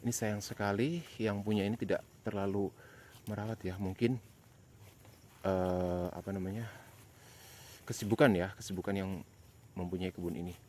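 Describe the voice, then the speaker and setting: Low-voiced man vlogging outdoors at night. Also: fairly even intonation, moderate pace, pauses often, a little mellow. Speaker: host of a night exploration vlog. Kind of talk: casual vlog narration while walking. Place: outdoors in an overgrown plantation at night. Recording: clearly noisy outdoor night recording. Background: night animal and nature sounds.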